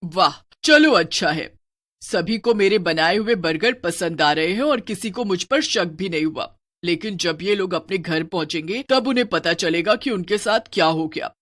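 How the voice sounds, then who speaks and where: A woman voicing a fat, spiteful female witch in a cartoon who sells burgers, calling out loudly and gloating with a cackle. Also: lowish voice, animated, normal speed. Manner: loud hawker's calls, cackling, spiteful gloating. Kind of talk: cartoon voice acting.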